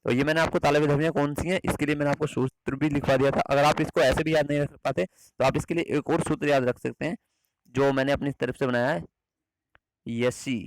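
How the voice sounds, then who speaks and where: A man's voice: on the high side, fairly even intonation, fast talker, dry recording, rough recording. A man teaching an exam-prep phonetics lesson, patiently repeating himself, correcting slips and answering his own questions.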